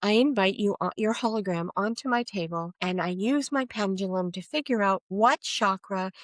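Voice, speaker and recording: Middle-aged woman guest, chatty and animated, acts out the voices of people in her stories, dry close sound. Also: mid-range voice, moderate pace, no room sound. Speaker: energy coach guest. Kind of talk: casual podcast interview.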